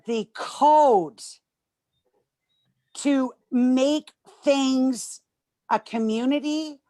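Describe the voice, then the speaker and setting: A woman's voice: on the high side, no room sound. A woman giving an emphatic, gushing testimonial on a video call, at times choked up. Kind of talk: emotional testimonial.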